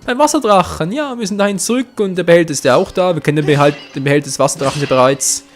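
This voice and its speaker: A young man hosting a let's play, commenting on the game excitably, swearing and talking to his viewers. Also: fairly high pitch, very fast, faint music behind.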